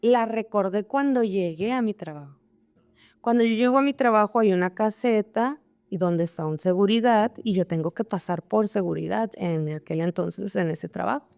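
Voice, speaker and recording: A woman's voice: mid-range voice, moderate pace, creaky, a little mellow. A woman who is an interview guest, telling her life story in an emotional way and repeating words as she remembers. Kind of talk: personal life story in conversation.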